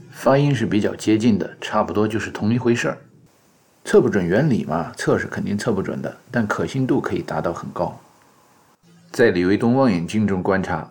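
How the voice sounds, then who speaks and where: Guy with a deep husky voice, dry jokey narration, acts all scholarly. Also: a little mellow. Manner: wry, mock-scholarly joking. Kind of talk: scripted satirical narration.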